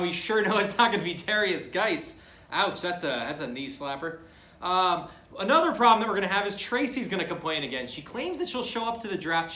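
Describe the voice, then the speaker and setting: A man playing a cocky, boisterous color commentator who trash-talks loudly in an echoey room. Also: high voice. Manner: loud, boisterous trash talk. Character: brash loud male sports commentator, cocky.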